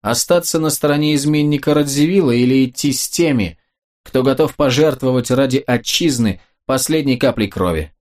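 A man's voice: medium pitch, normal speed, darkish tone, close to an everyday voice. Man doing a proud persuasive nobleman. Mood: earnest. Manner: urgent, reproachful reasoning.

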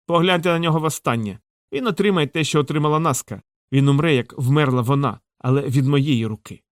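A gloating, vengeful crime boss, as an audiobook reader puts him on, crowing over his beaten enemy with theatrical relish. He is read in a dry, close voice, lifted a little above the reader's own pitch. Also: fairly quick, no room sound, close to an everyday voice. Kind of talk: audiobook character reading.

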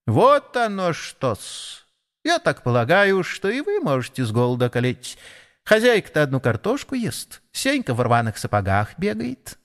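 A man's voice: a little high, huge pitch swings, normal speed, a bit bright, pitched above the performer's own voice, heavily acted. A man voicing a small gossipy male sparrow who chirps self-importantly in an audiobook story. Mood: smug. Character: chattering gossipy male sparrow, smug busybody. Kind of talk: audiobook character voice.

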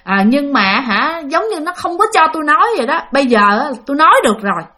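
A woman's voice: high voice, animated, quick pace, sharp tone. A woman voicing a young spirit possessing a girl, speaking in the first person. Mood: sullen.

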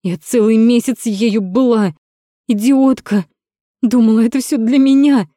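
A woman voicing a hysterical young woman who shrieks and yells in a fit of jealousy in an audiobook. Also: fairly high pitch, fairly even intonation, a little slow, dry recording, studio quality, voice pushed up, lightly acted. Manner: shrieking, voice cracking from yelling.

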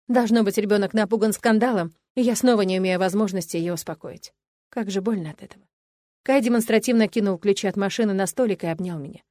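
Woman, audiobook narration, first-person story, even expressive reading, dry close mic. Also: medium pitch, no room sound. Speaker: audiobook reader.

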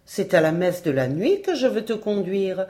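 A woman's voice: mid-range voice, sing-song, normal speed, dark tone, lightly acted. Woman reading as a demanding old witch bride. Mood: insistent. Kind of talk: storybook reading.

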